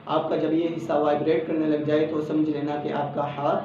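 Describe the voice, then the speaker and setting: A man with a Pakistani Urdu accent teaching Quran letter pronunciation, patiently explaining each letter and then saying it slowly as a model. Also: on the high side, flat delivery. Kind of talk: step-by-step pronunciation lesson. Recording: echoey, distant, dull lo-fi sound with faint background hum.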